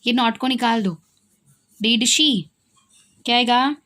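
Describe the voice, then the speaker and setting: Slow and fairly even in intonation, this young woman has a highish, a bit bright voice and an Indian accent. She teaches English grammar by asking her students questions and answering them herself, repeating key points along the way.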